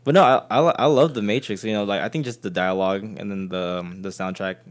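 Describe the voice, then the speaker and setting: Laid-back low-voiced guy chatting. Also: steady tone, fast talker. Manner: laid-back slangy talk, quotes movie lines in playful voices. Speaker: podcast co-host. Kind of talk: casual chat.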